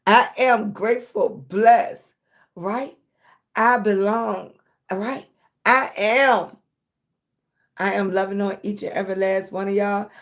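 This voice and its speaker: A woman's voice: medium pitch, steady tone, unhurried, long pauses. An American woman hosting a motivational livestream chat, affectionate and encouraging, speaking emphatically with frequent checking tags and pet names for her viewers. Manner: affectionate, encouraging, addressing viewers as baby and sweetie. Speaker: livestream host and content creator.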